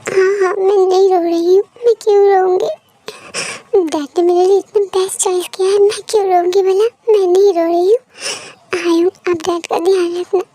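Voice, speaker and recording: A woman's voice: extremely high pitch, dark tone. A woman voicing a tearful young bride saying goodbye to her father, insisting she is not crying.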